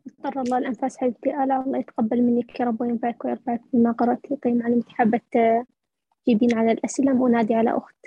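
Brisk husky woman moderator, lo-fi. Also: on the high side, little pitch movement, no room sound. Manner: brisk, calls out names in repetition. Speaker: class moderator. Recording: dull lo-fi online audio.

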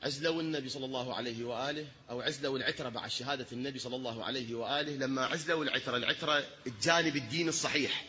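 A man preaching a sermon in an Iraqi accent, asking the listeners rhetorical questions and swinging between hushed tones and shouting. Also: medium pitch, rapid-fire, hardly any pauses, a little hiss or hum. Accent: Iraqi Arabic. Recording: dull lo-fi recording.

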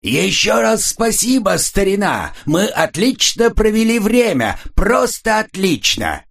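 A male audiobook narrator voicing a loud, cheerful man calling out goodbyes in the street. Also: high voice, sing-song, takes it slowly, vocal fry, pitched above the performer's own voice, exaggerated voice. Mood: jolly. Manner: hearty, boisterous, loud. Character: jolly loud tipsy man saying goodbye. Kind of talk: audiobook character reading.

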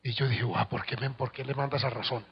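Gravelly preacher in a reverberant hall. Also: male voice, medium pitch, steady tone, fast, slight background noise. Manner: storytelling preacher, swings from hushed to shouting. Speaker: pastor. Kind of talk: sermon. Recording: dull lo-fi recording with long hall reverb.

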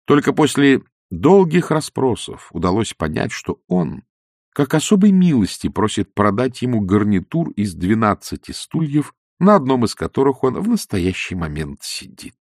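A man narrating an audiobook in an expressive, lively storytelling manner. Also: mid-range voice, normal speed, dry recording, studio quality. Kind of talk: audiobook reading.

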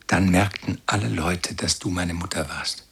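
A grown son looking back on a harsh, pious childhood in a literary radio drama. His voice is low and gravelly with a husky, rough edge, and his recollection is slow and brooding. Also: fairly even intonation, a bit bright, heavily acted. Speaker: first-person narrator. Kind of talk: literary radio play narration.

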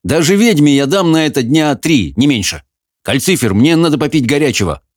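A man voicing a vain, sulky young wizard with a head cold, speaking hoarsely and irritably. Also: fairly high pitch, big pitch swings, a little fast, no echo, clean studio sound, voice pushed up. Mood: irritated. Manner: irritable, whiny.

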